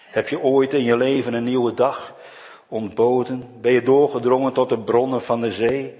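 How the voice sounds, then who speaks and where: God , as a preacher voices him, booming from above. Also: male voice, fairly even intonation, normal speed, mellow, long reverb tail, natural voice. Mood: challenging. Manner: booming, challenging questions. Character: God, a mighty, challenging male voice from above.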